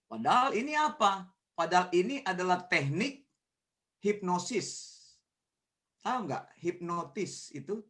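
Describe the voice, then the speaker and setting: A man preaching a sermon with storytelling and acting out voices in his anecdotes. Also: a little high. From Indonesia. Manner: animated, acts out voices in anecdotes, rising to shouts. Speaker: pastor. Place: church meeting.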